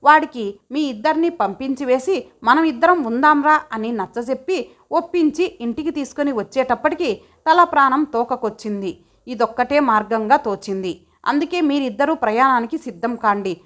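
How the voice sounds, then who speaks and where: A woman's voice: high-pitched, expressive, moderate pace, fairly bright tone. A woman voicing a stern older husband and father-in-law who scolds in curt orders in an audio story. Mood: explaining.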